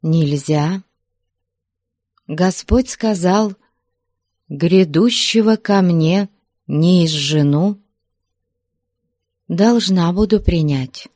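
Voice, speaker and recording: A woman voicing an elderly abbess who answers calmly and coldly in an audiobook. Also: on the low side, drawn-out words, pauses often, no room sound, clean studio sound. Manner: calm and cold. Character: calm cold elderly abbess.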